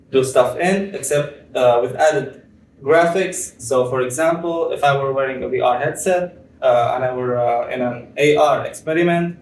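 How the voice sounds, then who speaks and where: A young man from Tunisia giving a conference presentation, explaining step by step with frequent pauses and fillers. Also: medium pitch, slight background noise. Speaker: PhD student presenter. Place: conference room. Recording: echoey room, far from mic.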